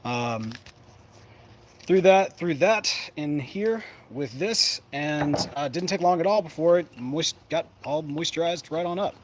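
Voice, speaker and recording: Speaking in a fairly high, lively voice, this pipe smoking show host takes his time as he chats to camera. His manner is folksy and playful, wandering off topic and cutting himself off mid-thought. Ambient sound sits clearly in the background.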